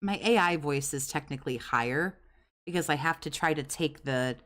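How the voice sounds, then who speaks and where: A man's voice: fairly high pitch, normal speed, fairly bright tone. A man with a harsh, frying voice giving casual, sarcastic and sweary live commentary in a blunt manner. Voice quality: harsh voice with vocal fry.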